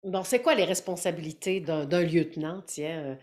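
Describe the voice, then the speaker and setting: Lady interviewer, lowish voice, informal, feels her way through questions. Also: steady tone, normal speed, a little mellow.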